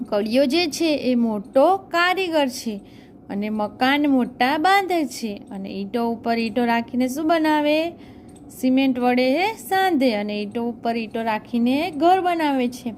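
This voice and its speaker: A woman's voice: high voice, darkish tone, slight background noise. A female primary school teacher, teaching first graders and telling a story in a sing-song way, asking questions and answering them herself.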